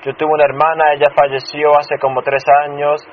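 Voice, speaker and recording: A man who grew up in Chicago and serves as a pastor, giving a personal testimony in a sermon, halting and restarting often. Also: a little high, flat delivery. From Chicago, United States. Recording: dull muffled sound with faint noise.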